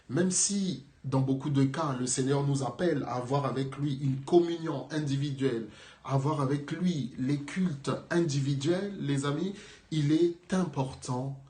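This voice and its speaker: A man's voice: mid-range voice, darkish tone. Man preaching in an echoey room. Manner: earnest, affirming, pastoral.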